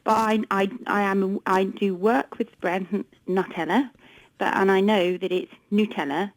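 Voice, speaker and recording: A woman with an English accent talking as a research director on a radio interview, brisk, wry and explanatory. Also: medium pitch, little pitch movement, no echo, rough recording. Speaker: consumer research director, studio guest. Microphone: studio microphone.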